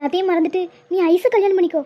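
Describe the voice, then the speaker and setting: Woman voicing a melodramatic cartoon mom, guilt trips nonstop, talks super fast. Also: very high voice, fairly even intonation. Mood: pleading. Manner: pleading, melodramatic, guilt-tripping. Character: middle-aged Tamil mother, emotional, stubborn, tearful. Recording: muffled lo-fi audio.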